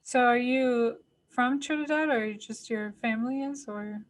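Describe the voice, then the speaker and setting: A woman hosts a casual podcast chat with a fairly high voice. She sounds upbeat, keeps the talk moving, and laughs easily. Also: measured pace. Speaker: podcast host.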